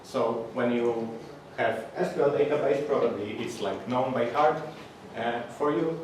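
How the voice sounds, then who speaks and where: A man's voice: medium pitch, unhurried. Polish-accented man giving a talk in an echoey hall. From Poland. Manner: plain, hesitant delivery with frequent fillers and restarts. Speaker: conference speaker. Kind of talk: technical conference talk. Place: large echoey conference room. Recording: echoey hall, distant, audible background noise.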